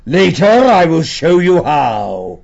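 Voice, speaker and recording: A man voicing a huge, fierce old male badger lord who speaks slowly and gravely. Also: very animated, a little mellow, heavily acted. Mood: stately. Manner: slow, booming and grave. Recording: dull lo-fi audiobook recording.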